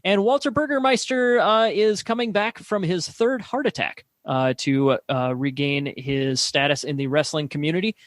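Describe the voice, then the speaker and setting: A man doing mock play-by-play commentary, deadpan and full of hesitant fillers. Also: on the high side, normal speed, few pauses, no echo, studio quality. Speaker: play-by-play announcer.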